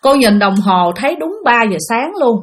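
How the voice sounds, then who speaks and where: A woman's voice: a little high, lively intonation, normal speed. Southern vietnamese woman telling a spooky story, chatty, voice goes up and down a lot. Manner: chatty, addresses listeners directly. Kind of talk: spoken ghost story narration.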